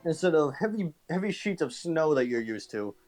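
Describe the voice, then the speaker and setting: A man's voice: a little high, big pitch swings, moderate pace, a little mellow. Hesitant male game master, faint music. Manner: hesitant, with many restarts. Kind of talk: narrating a tabletop game.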